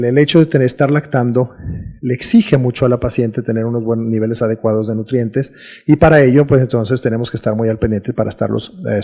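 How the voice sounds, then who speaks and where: Mellow-voiced man giving a medical lecture. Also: mid-range voice. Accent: Mexican Spanish. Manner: steady explanatory delivery with frequent restarts and repeated words. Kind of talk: recorded lecture.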